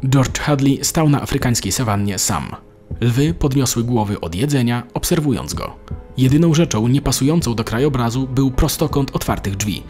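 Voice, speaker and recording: A man narrating an animated story in a steady, measured manner. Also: mid-range voice, faint music behind. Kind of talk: scripted narration.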